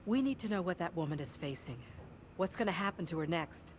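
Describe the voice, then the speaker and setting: A woman's voice: fairly low pitch, lively intonation, brisk, slight background noise, lightly acted. An actress playing a serious, anxious woman in a horror video game. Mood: worried, stern.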